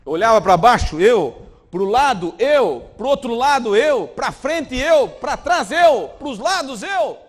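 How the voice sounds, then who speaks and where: A man voicing a troubled young woman who confesses to her pastor, speaking emphatically and loudly repeating words. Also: extremely high pitch, very animated, takes it slowly, voice pushed up, heavily acted. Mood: anguished.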